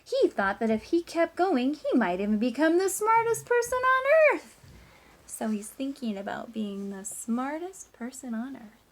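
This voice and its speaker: A woman teacher with a high voice reads a picture book aloud to children. She stresses words expressively, draws some of them out, and drops into hushed asides.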